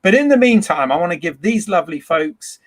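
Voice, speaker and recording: A man's voice: high-pitched, lively intonation, fairly quick. A man hosting a podcast panel, chatty, teasing and laughing easily. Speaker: podcast host. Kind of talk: casual panel chat.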